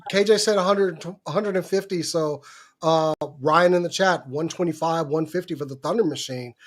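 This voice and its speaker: High-voiced man telling stories animatedly. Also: moderate pace. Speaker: co-host. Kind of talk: casual livestream chat.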